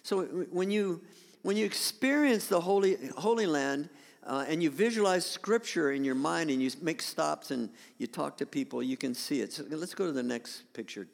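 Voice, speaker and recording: A man preaching a conversational sermon to his congregation, showing pictures on a screen and restarting his sentences often. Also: medium pitch. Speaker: pastor. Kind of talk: sermon with slides. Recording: long hall reverb.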